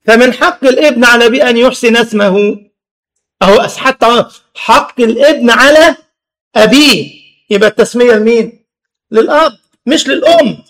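A man from Egypt with a very high voice and an Egyptian Arabic accent speaks fairly quickly as he preaches a religious lesson. He fills it with humorous stories and many rhetorical questions, staying animated and laughing at his own tales.

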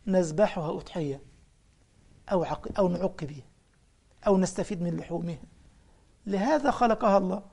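A man's voice: sits high, creaky, a little mellow. A man with an Egyptian accent preaching a colloquial religious lesson, telling anecdotes and firing off mocking rhetorical questions. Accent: Egyptian Arabic.

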